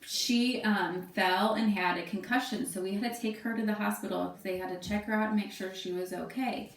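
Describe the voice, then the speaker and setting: A woman in her thirties, a teacher, gives a relaxed remote lesson from home, chatting loosely and thinking aloud with plenty of fillers. Her medium-pitched voice is brisk and steady with some vocal fry. She sits far from the mic in an echoey room.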